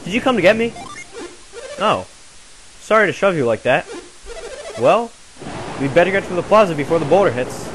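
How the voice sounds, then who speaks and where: A man's voice: high-pitched, very animated, moderate pace, pauses often. A man reading a clingy young village boy with a worried, pleading tone, in a hissy home recording.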